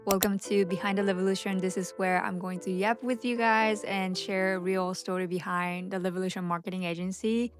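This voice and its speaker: With music in the background, a native Japanese-speaking woman who runs a social media marketing agency vlogs to camera in an unscripted, candid chat. Her medium-pitched voice keeps fairly even intonation and moves a little fast with few pauses, and she sometimes stumbles over her words.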